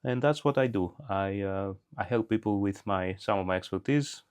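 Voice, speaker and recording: A man's voice: on the low side, moderate pace, clear, resonant tone. A middle-aged man from Greece, a podcast guest talking in an unscripted way, thoughtful and hesitant with many restarts. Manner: reflective, hesitant, frequent restarts.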